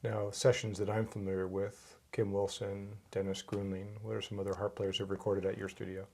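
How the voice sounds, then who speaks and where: A middle-aged man hosting an interview, asking steady, friendly questions on a lapel mic in a small home studio. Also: lowish voice, fairly quick, creaky. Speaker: interview host. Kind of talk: casual interview. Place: home music studio, indoors.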